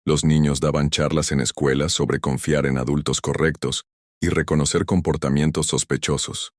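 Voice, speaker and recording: Male storyteller for a sentimental story, very deep and measured, dry sound. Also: little pitch movement, no echo. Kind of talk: scripted story narration.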